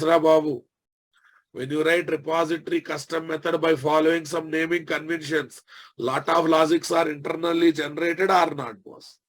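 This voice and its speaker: A software instructor with a Telugu Indian accent gives a casual tech lecture in a fairly high voice. He repeats phrases and keeps tossing in tag questions to make sure his listeners are following.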